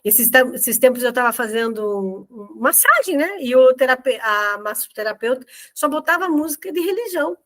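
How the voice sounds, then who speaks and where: A woman instructor leading a review session for therapists, talking in a very direct, expressive and emphatic way. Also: high voice, moderate pace, hardly any pauses. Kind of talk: teaching a group review session.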